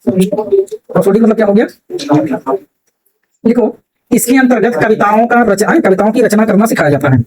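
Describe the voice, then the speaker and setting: A man's voice: high voice, moderate pace, long pauses, darkish tone, a little hiss or hum, low-quality recording. A male teacher giving a grammar lesson to a classroom, constantly asking his students rhetorical questions.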